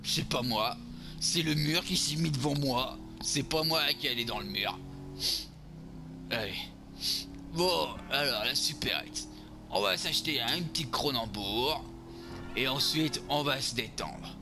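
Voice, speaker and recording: Un homme jouant un beauf marseillais bourru. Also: male voice, mid-range voice, lively intonation, unhurried, creaky, over music. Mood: grumbling. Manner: crude, vulgar grumbling, talking to himself while playing. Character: boorish drunk beer-loving lout, man, crude and brash. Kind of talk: game role-play commentary.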